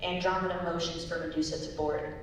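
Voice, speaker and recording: A young woman gives a flat, fairly quick reading of the stage directions as scripted narration for a dramatic reading. Picked up by a distant mic, her voice echoes through a large hall amid hiss and rumble.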